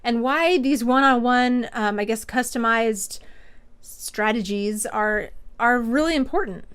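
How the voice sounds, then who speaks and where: A woman's voice: a little high, measured pace, a bit bright, clear, resonant tone. Bubbly, gushing woman podcast host. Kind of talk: casual interview chat.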